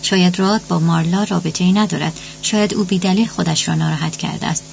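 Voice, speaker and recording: A woman reading a novel aloud as a measured audiobook narrator. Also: on the low side, steady tone, gravelly. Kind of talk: scripted narration. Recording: dull lo-fi audio with hiss.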